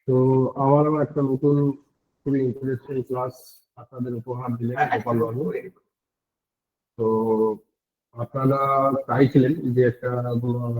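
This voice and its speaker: A man's voice: medium pitch, dark tone. A man joining an online class by call and addressing the students in a hesitant way. His voice comes with heavy echo. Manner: hesitant, with fillers. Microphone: joined by call. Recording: echoey tinny call line.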